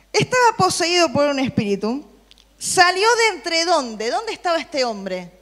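A woman's voice: high voice, big-room sound. A woman preaching to a youth group, reading Bible verses and asking the listeners questions. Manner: lively, asks the room questions, reads Bible versions aloud.

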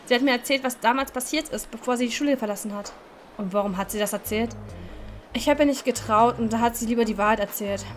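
A woman's voice: fairly high pitch, quick pace, slight background noise. A woman hosting a let's-play, reading a dating game aloud and voicing every character, playful and laughing at her own slips.

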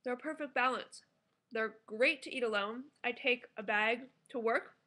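A woman's voice: a little high, normal speed, sharp tone. A woman in her thirties giving a casual, enthusiastic food review to camera at home as a food blogger. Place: small living room at home, indoors.

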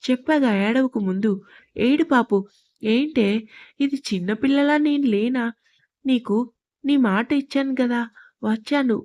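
A woman's voice: sits high, a little slow, pauses often, darkish tone. A woman reading a teasing, bossy young lover. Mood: teasing scolding. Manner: teasing, bossy, affectionate scolding. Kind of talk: read-aloud storytelling.

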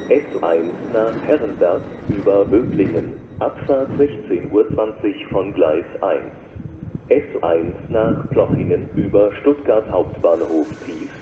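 A man working as a railway station announcer, reading flat, scripted platform announcements in a measured, formal way. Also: low voice. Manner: measured, formal, flat delivery in set phrases. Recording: dull lo-fi recording with loud station noise.

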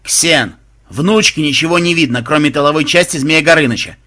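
Man playing a calm stern guardian angel type, diplomatic, husky storybook read. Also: medium pitch, a little slow. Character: calm male guardian-angel game observer.

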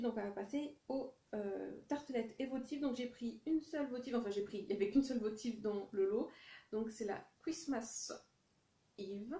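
A woman's voice: mid-range voice, creaky, dark tone, echoey room. A French-speaking woman filming a casual haul vlog, talking in a chatty, hesitant way with many fillers. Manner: reads English product names in a deliberate French accent. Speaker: vlogger showing a haul.

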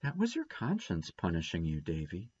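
A man voicing a gentle, patient young woman in a storybook, tenderly questioning and soothing a child. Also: deep voice, huge pitch swings, normal speed, breathy edge, lo-fi sound, voice pushed down, full character voice. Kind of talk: storybook character reading.

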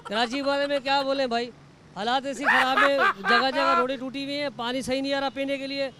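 A man's voice: extremely high pitch, level tone, a little fast. A man, an irritated passerby confronting the reporter. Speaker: passerby being interviewed. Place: crowded city street outdoors. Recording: loud crowd and traffic noise.

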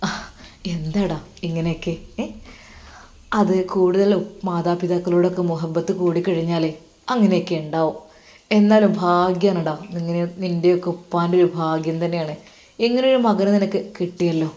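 Woman voicing a kind old male religious teacher, gentle and consoling, lowered voice, storybook. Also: normal speed, lightly acted.

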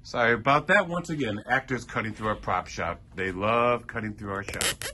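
In a theater prop shop, a middle-aged man with a fairly low-pitched voice walks through his prop box at a moderate pace. It's a loose, rambling show-and-tell in which he lists tools, with lots of ums and uhs over background noise.

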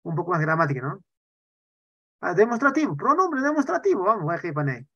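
Man teaching online, lively and swooping in pitch, dry dull lo-fi call audio, constant check-ins with the class. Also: brisk, breathy edge, no room sound. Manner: animated, tags sentences with "¿ya?" and "¿no?". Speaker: Quechua language teacher.

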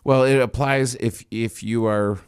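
A man's voice: mid-range voice, steady tone, measured pace, clear, resonant tone, no room sound. A man explaining retirement rules on a financial talk show in a studio, in a wry, explanatory way. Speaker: financial advisor guest. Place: radio studio.

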